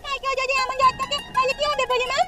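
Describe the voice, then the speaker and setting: A woman's voice: very high voice, level tone, very fast, loud music behind the voice, voice pushed up. A woman voicing a small village girl who whines and pleads. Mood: whining. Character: little village girl, whiny and eager.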